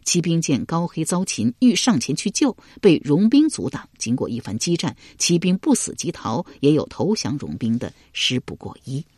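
A man's voice: fairly high pitch, sing-song, normal speed, few pauses, a little mellow, breathy edge, no echo, studio quality. A man narrating a historical novel, telling it dramatically and voicing many characters. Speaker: storyteller.

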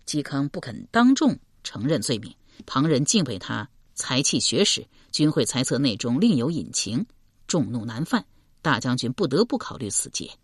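A woman voicing a calm, scheming male general who explains his plan slowly and carefully. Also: a bass voice, breathy edge, dry recording, studio quality, voice pushed down, exaggerated voice. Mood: measured, explaining. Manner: slow measured explaining.

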